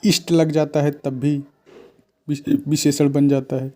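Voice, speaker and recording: A man's voice: a little high, little pitch movement, measured pace, dark tone. A man teaching a grammar lesson, reading off word lists and asking and answering his own questions.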